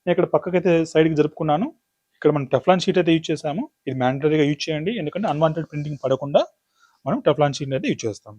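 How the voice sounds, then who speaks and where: Fast-talking man demonstrating a machine. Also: a little high, darkish tone, breathy edge. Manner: rapid explanatory, lists items step by step. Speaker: business demo presenter. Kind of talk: product demonstration tutorial.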